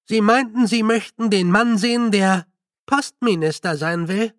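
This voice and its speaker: A man's voice: high-pitched, a little slow, no echo, clean studio sound, voice pushed up. A man voicing a timid young male clerk who speaks hesitantly. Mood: nervous. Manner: hesitant and unsure. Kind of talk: audiobook character voice.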